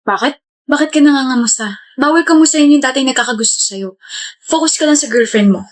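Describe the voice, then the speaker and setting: A woman's voice: sits high, a little fast, natural voice. A young woman playing chatty college friends who trade playful banter in a skit. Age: young adult. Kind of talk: skit role-play.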